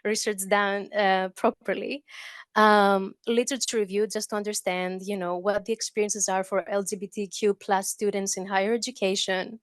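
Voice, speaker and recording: Speaking at a handheld or lectern microphone in a conference hall, a woman from Greece delivers a conversational talk in a Greek accent, with fillers and restarts. Her medium-pitched voice is flat and moderately paced, with no echo.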